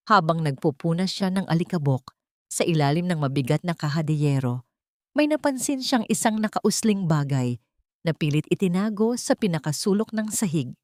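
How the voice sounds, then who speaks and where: A woman with a Filipino accent reads a scripted dramatic story aloud. Her voice is fairly low and a little mellow. The recording is dry and of studio quality.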